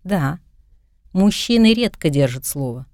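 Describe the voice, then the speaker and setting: A woman's voice: on the low side, unhurried, no echo, studio quality. A woman voicing a witty, mischievous young woman in an audiobook. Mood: playful. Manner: lively, wry, chatting to her cat.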